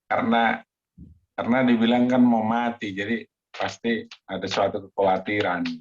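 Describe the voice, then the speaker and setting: A man's voice: lowish voice, level tone, moderate pace, highs cut off. A man in a Bible study group giving short, hesitant answers to the teacher over a video call.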